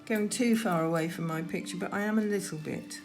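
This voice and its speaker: A woman giving gentle, unhurried painting instruction, talking through her work as she goes, with trailing pauses. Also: on the low side, over music. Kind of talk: unscripted painting demonstration, talking while working.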